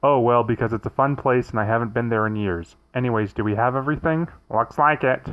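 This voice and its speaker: A man's voice: mid-range voice, a little fast, close to an everyday voice. A man voicing an anxious young friend who sounds whiny and exasperated. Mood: worried. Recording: dull lo-fi recording.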